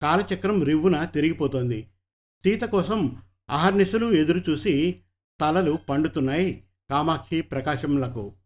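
A man narrating an audiobook story in a steady, measured way. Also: fairly high pitch.

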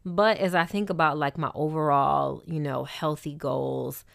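A woman's voice: sits low, steady tone, a little slow, vocal fry, dry recording, clean studio sound. A woman talking candidly and expressively in a casual personal talk, with wry asides, as a host.

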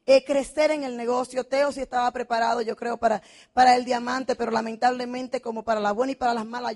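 A middle-aged woman telling an emotional testimonial, dramatic and passionate, acting out quoted dialogue. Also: a little high. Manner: passionate, dramatic storytelling with vivid quoted dialogue and frequent shouting. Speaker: motivational speaker at a business convention.

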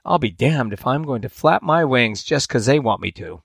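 A man's voice: medium pitch, expressive, normal speed, creaky, a bit bright, slightly rough, dry recording, clean studio sound, full character voice. A man voicing a stubborn, defiant young male baby bird in a read-aloud fable, muttering to himself in a near-plain voice.

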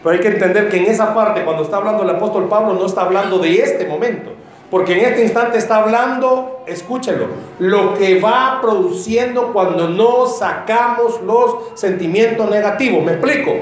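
A man preaching a sermon in a church, animated and joking, acting out comic voices of his congregation. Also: sits high, moderate pace, a little hiss or hum. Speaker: pastor. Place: church sanctuary. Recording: very echoey church hall.

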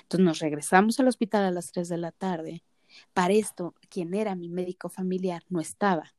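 A woman's voice: fairly low pitch, fairly even intonation, moderate pace, a little mellow, dry recording, studio quality. A woman in her thirties co-hosting a podcast, telling her story in casual chat and acting out the quoted dialogue with animation. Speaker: podcast co-host.

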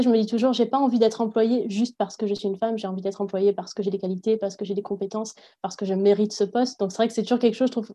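Woman from France, interview guest. Warm, mellow tone; reflective, hesitant delivery. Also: medium pitch. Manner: reflective, thinks aloud with hesitations. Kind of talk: casual interview.

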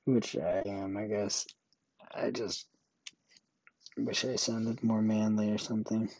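A young man hosting a solo podcast, thinking aloud slowly in a monotone way. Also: lowish voice, dry recording, muffled recording. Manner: slow, monotone, musing. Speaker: podcast host.

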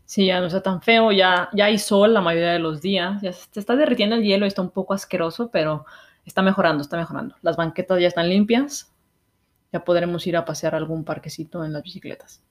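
A young woman with a Mexican accent hosts a casual podcast. Her voice is a little on the low side, and she speaks informally with everyday slang. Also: quick pace. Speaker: podcast host. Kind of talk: casual chat.

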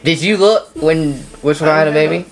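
A man's voice: on the high side, moderate pace, gravelly, a crowd in the background. A man in casual chat, joking and bantering with friends. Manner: joking, lively back-and-forth.

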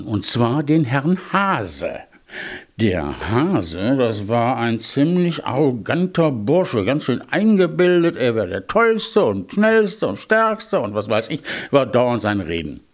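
A man's voice: mid-range voice, slightly rough. A man telling a fairy tale aloud, chatty and playful with asides to the listener. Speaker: storyteller. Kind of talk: oral fairy-tale narration.

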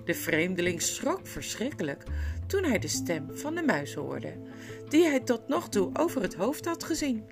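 Slow, expressive woman reading a story. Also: mid-range voice, creaky. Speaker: narrator. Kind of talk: audiobook storytelling. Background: faint guitar music.

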